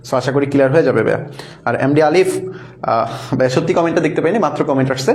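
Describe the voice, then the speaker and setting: A man's voice: mid-range voice, rapid-fire, darkish tone. Patient man teaching math in an echoey room. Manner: patient, repeats and quizzes the class; mixes in English words. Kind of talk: online math lesson. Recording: echoey room with faint ambience.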